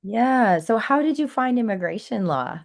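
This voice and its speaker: A woman's voice: on the high side, lively intonation, moderate pace, creaky. A woman hosting a business interview podcast, upbeat and encouraging toward her guest. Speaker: podcast host.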